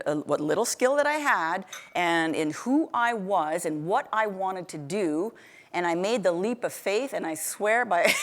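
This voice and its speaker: A middle-aged woman giving a motivational keynote, telling stories in a chatty, animated way, restarting sentences often and laughing a lot. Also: medium pitch. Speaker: keynote speaker. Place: event stage before an audience.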